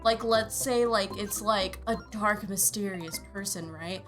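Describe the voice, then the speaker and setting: A young woman in casual gaming-stream chat, animated and swearing as she makes her points. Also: mid-range voice, a little slow. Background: game music.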